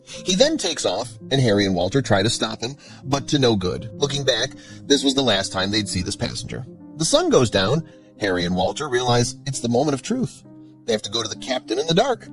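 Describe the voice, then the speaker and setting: A man's voice: mid-range voice, a bit bright. Man narrating a suspense story.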